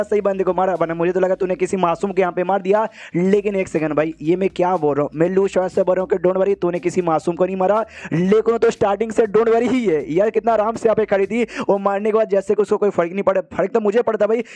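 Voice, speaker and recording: A man retelling an animated series episode in casual storytelling style, rattling off slangy asides and quick voiced quotes of the characters. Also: sits high. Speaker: anime recap narrator.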